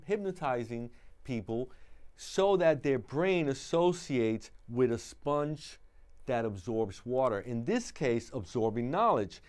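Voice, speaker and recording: A man hosting a public-access talk show, calmly explaining study tips and introducing his guest. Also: mid-range voice, smooth. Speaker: host.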